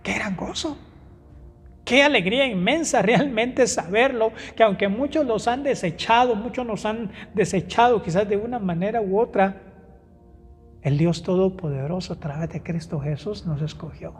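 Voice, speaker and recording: A man preaching a sermon in church, emphatic, rising to loud exclamations and dropping to soft asides, with fillers and self-corrections. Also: moderate pace, husky. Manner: emphatic, swinging between raised exclamations and soft low asides; hesitant fillers and self-corrections while finding verses. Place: church hall. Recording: reverberant church hall with music behind.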